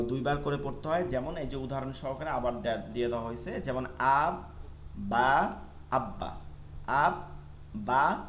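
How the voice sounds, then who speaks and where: A man teaching an online Quran reading class, patiently repeating rules and spelling letters out slowly. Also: mid-range voice, reverberant, slight background noise.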